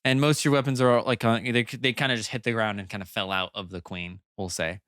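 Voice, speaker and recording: Halting man narrating as game master. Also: lowish voice, fairly even intonation, fairly bright tone, no echo, clean studio sound. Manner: loose, halting narration with many fillers.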